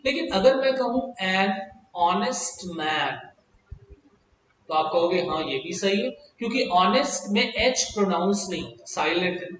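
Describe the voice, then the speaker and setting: A man's voice: high voice, animated, a bit bright, slight background noise. Indian man teaching grammar in an echoey room. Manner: explains slowly with drawn-out example words; mixes Hindi with English. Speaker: English teacher. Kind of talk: classroom grammar lesson. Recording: very echoey room, mic far off.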